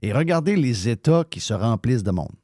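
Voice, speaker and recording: Speaking with a Québécois accent, a male radio host delivers a heated, swear-filled rant on a live talk show. His mid-range voice swings widely in pitch, moves fairly quickly, and sounds mellow, captured dry in studio quality.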